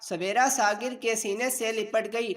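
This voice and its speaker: A woman narrating an emotional story in a steady, measured way. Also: a little high. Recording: distant mic.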